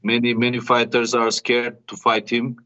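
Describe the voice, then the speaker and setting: A man who is not a native speaker, talking haltingly as a fighter in a casual interview. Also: mid-range voice, completely flat delivery, bright, forceful tone. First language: not English. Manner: halting, repeats tags like "you know". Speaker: MMA fighter being interviewed. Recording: dull, muffled audio.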